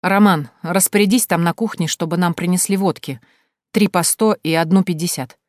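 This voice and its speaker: Brisk male boss, gruff, low, read by a woman, dry audiobook sound. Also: steady tone, darkish tone, dry recording, natural voice. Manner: brisk, giving orders. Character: gruff middle-aged male boss, host of house.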